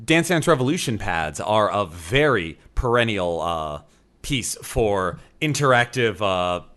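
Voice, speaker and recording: A man in his thirties co-hosting a podcast in casual chat, animated and quick to slip into playful voices. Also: fairly low pitch. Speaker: podcast co-host.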